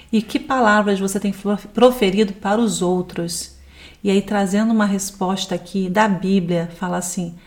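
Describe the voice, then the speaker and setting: Brazilian woman teaching from scripture. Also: medium pitch. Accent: Brazilian Portuguese. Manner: reflective, quotes scripture, asks the audience questions. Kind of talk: devotional teaching talk.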